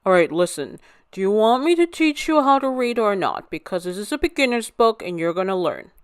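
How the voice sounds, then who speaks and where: A woman's voice: mid-range voice, lively intonation, brisk, smooth, lightly acted. A woman plays a grumpy preteen big brother who answers bluntly and with little patience. The sound is dry and close, with no room echo. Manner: blunt, impatient.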